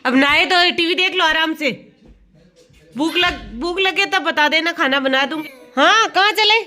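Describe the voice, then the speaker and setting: A young woman talks through her day at home in an easy, chatty vlog style. Her voice sits high and sounds bright and clear. She keeps turning to the children, scolding them and coaxing them along, while household noise goes on behind her. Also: moderate pace. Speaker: vlogger. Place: home indoors.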